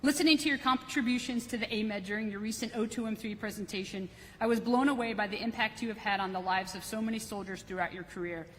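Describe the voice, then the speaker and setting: A woman's voice: mid-range voice, steady tone, fast talker. A woman delivering a prepared, formal podium speech as a military leader welcoming people at a ceremony. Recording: reverberant hall, faint background noise.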